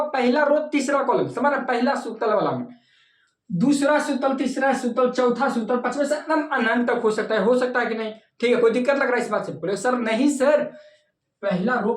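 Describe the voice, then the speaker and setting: A man teaching maths in a playful, chatty way, asking the class questions and answering them himself. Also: very high-pitched. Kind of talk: classroom lecture. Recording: echoey room.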